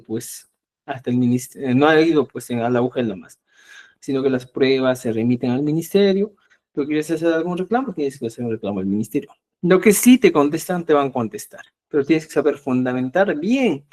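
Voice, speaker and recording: A man's voice: mid-range voice, a little mellow. A middle-aged man teaching a live online language class. He explains patiently and keeps checking that students follow. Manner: patient, repetitive, checks understanding with frequent "ya?".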